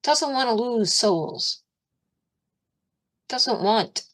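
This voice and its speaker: A woman giving an informal, chatty sermon, animated, laughing often and raising her voice to act out her pleas to God. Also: a little high, very slow. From Italian and Irish heritage. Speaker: spiritual teacher.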